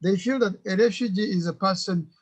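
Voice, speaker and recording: A guest from Uganda whose first language is Kinyarwanda answers questions in a webinar interview over a video call. He is a man with a higher-pitched voice, speaking earnestly but haltingly and repeating words.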